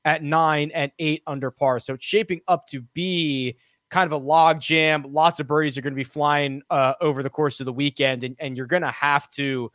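A man's voice: a little high, fairly even intonation, moderate pace, a bit bright, no room sound, studio quality. A man hosting a podcast as a golf commentator, running through scores and odds in a conversational, presenter-like way. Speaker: podcast host.

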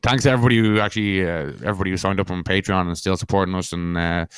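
A man's voice: sits low, steady tone, very fast, clean tone, dry recording, studio quality. A man co-hosting a podcast in casual chat, hesitant and understated, often restarting his phrases. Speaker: podcast co-host and MMA analyst.

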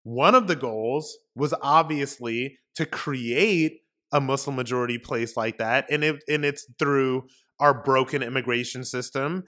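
A man delivers a political commentary monologue as host of his own show. He talks emphatically and repeats himself for effect, piling up rhetorical questions. His voice sits at an ordinary middle pitch. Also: measured pace, fairly bright tone. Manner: emphatic, repetitive, ranting. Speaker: podcast host.

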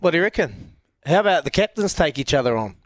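A man's voice: fairly high pitch, sing-song, quick pace, no echo. Kiwi guy w broad nz accent, sports radio host, slangy blokey banter, dry close sound. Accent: broad New Zealand.

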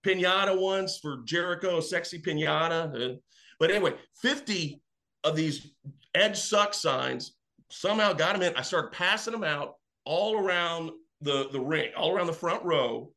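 A man guest chatting casually, telling animated stories and acting out what people said. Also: fairly high pitch, moderate pace. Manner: animated, acts out quotes. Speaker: wrestling fan guest. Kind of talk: casual storytelling.

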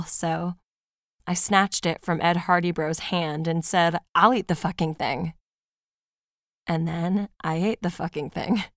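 This woman's natural-sounding voice sits on the low side. She voices a podcast host in an audio drama, reading out a fan's confessional horror-comedy email as a scripted monologue delivered in a casual, wry, profanity-laced storytelling style.

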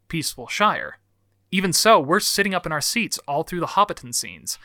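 A man reading scripted, analytical video essay narration in an articulate way, with measured emphasis. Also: a little high, sharp tone, no echo.

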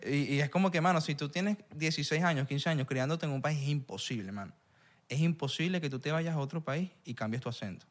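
A man's voice: a little high, quick pace. A young man from Venezuela with a Venezuelan accent, chatting casually as a guest and mimicking accents as he tells stories. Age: young adult. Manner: animated storyteller who mimics other accents. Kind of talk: casual chat.

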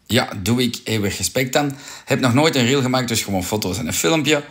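A middle-aged man with a Flemish accent talks to a viewer on a live stream, pushing hard and repeating himself. His voice is bright and forceful, at a middle pitch. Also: animated, fairly quick, no echo. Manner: insistent and pushy, repeats "voilà" and "hè". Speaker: coach and shop owner.

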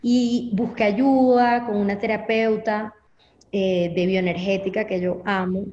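A young adult woman with a Venezuelan Spanish accent speaks as an interview guest, candidly recounting her own story and acting out what she used to think. Her medium-pitched, darkish voice stays fairly even and unhurried. The recording is echoey and slightly dull, with a little hiss or hum.

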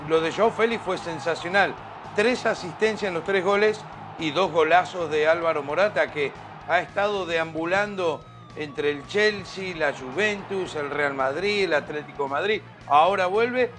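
A man giving conversational football analysis as a pundit, emphatic and repeating words for weight. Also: a little high.

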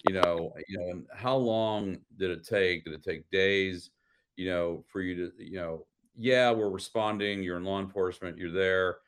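A man's voice: sits low, normal speed, clear, resonant tone. A man hosting a podcast, asking long rambling questions full of "you know" and restarts. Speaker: podcast host. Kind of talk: interview questions.

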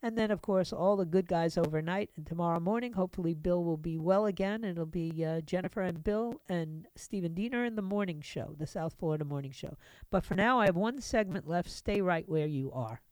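A woman's voice: lowish voice, brisk, darkish tone, dry recording. Opinionated woman radio host, dry studio. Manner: opinionated, sardonic, conversational with asides. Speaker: radio talk show host. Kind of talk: talk radio monologue.

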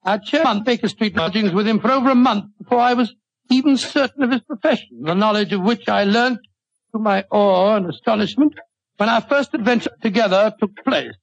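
An actor playing an older, avuncular British doctor who reminisces in a wordy, genial 1940s radio drama style. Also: male voice, high voice, a little fast, no room sound. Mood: genial reminiscing. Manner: avuncular, wordy, chuckling storyteller. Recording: dull old-time radio recording.

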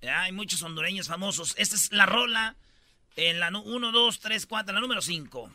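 High-voiced Mexican man joking on radio. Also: animated, a little fast. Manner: rowdy, slangy, joking shout-outs to listeners. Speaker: radio show host. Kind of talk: comedic radio banter. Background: loud music bed.

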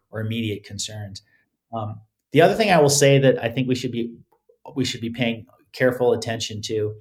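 Male podcast guest, professional and considered, halting delivery with repeated phrase openings. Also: mid-range voice. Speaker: podcast guest, crypto legal expert. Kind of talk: considered interview answers.

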